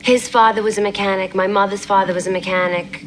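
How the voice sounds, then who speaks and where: A woman's voice: medium pitch, fairly even intonation, a little hiss or hum, lightly acted, poor audio. An actress playing a brassy young woman testifying in court as a car expert, rattling off details confidently. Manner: rapid-fire confident listing. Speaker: witness.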